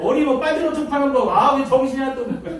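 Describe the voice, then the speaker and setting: A man pastor giving a storytelling lecture, animated and often laughing as he acts out scenes. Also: extremely high pitch, fast. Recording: echoey hall from far off, faint noise.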